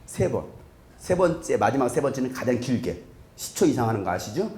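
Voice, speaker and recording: A man in his thirties, a pastor giving a lively sermon in a large church hall, joking with the congregation and breaking into shouts. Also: medium pitch, brisk, slight background noise. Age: 30s. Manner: joking, animated, bursts into shouts.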